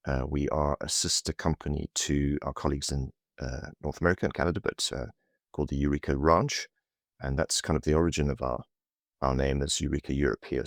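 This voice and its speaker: A man's voice: extremely low pitch, dry recording, studio quality. A man who grew up in South Africa, a podcast guest talking casually with many fillers and restarts. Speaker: podcast guest, consultancy managing partner. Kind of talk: casual interview over a call.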